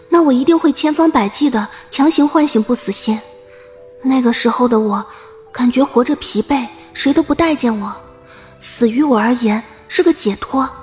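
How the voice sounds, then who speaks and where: A woman playing a wistful, lovestruck young former princess musing softly in an audio drama. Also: high-pitched, close to an everyday voice. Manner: soft, reflective inner monologue.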